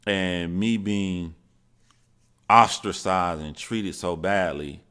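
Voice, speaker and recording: A man in his forties speaks in a very low voice. He tells a personal story candidly, with halting starts and a steady, earnest tone. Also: clear, resonant tone. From Georgia, USA. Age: 40s.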